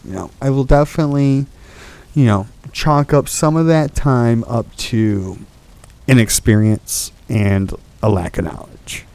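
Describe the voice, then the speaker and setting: In a mid-range, darkish, clean voice, a young gaming host rants unhurriedly about a boss fight that's frustrating him. Hiccups interrupt him as he swears and restarts lines.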